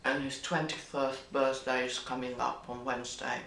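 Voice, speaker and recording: Recorded in an echoey room with a hiss underneath, this middle-aged woman talks in a deep, creaky, slightly bright voice with a flat delivery at normal speed. She's a documentary subject and interpreter from a non-English-speaking country outside the UK, English not her first language. Her reflective conversation is open and unhurried, with pauses to find words and repetitions along the way.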